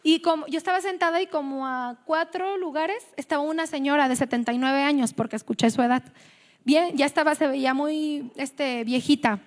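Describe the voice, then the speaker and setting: A Mexican woman preaches to a women's gathering in a high voice, chatty and storytelling, often restarting her words. Her voice carries a long hall reverb. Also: fairly quick. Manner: conversational, storytelling, self-correcting. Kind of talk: sermon at a women's meeting.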